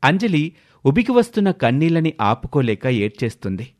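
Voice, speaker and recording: A man reads a scripted story narration. His voice sits fairly high and moves animatedly up and down as he tells it. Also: big pitch swings, normal speed.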